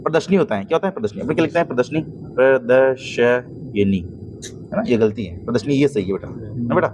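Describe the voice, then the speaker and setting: Male teacher, grammar lesson, patient explaining, frequent check-ins, mid pitch, noisy background. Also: animated, very fast. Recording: noisy recording.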